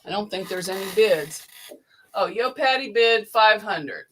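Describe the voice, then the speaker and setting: A woman with a bright, clear voice hosts a casual livestream from her sewing room. She reads viewer names and bids from the chat in a quick, businesslike run. Her pitch sits in an ordinary middle range. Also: lively intonation, slight background noise. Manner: brisk, reads chat names and bid amounts in quick succession. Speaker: livestream host.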